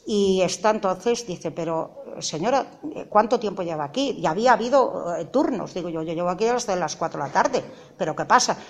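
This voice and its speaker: A woman's voice: fairly low pitch, animated, normal speed. A middle-aged mother giving an emotional personal testimony, earnest, acting out the dialogue and rising to indignant outbursts.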